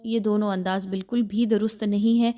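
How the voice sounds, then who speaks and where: Woman teacher walking through recitation rules slowly and patiently, drops in english words here and there. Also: medium pitch, fairly even intonation, dark tone. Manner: patient, step-by-step explaining. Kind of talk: recorded online class.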